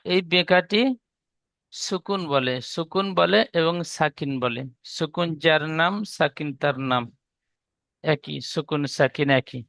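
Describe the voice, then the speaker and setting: Male Quran reading tutor with a Bengali accent. Bright, crisp voice, dry close sound. Patient, step-by-step drills. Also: fairly high pitch, unhurried, dry recording. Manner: explains step by step, has students repeat the rules aloud. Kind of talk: slow recitation lesson with repetition.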